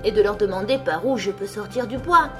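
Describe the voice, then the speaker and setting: A curious, earnest little girl who thinks aloud, searching for words as she goes, as a woman reads her in a storybook. Her voice sits in a middle register and slows into hesitant pauses. Faint music plays softly behind. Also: mid-range voice, lively intonation, lightly acted. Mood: musing.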